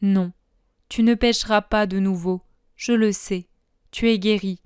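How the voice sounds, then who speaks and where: A woman voicing Jesus as a calm, merciful man who speaks tenderly and slowly. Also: medium pitch, smooth, no echo, clean studio sound, natural voice. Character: gentle merciful male Jesus, calm and forgiving.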